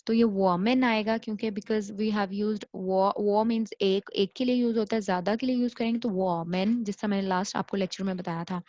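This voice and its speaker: A woman gives a recorded language lecture at an unhurried pace, saying each word several times for learners to repeat. She slips English phrases into her explanations. The sound is dull and lo-fi, close and dry. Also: mid-range voice, a little mellow, dry recording. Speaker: language teacher.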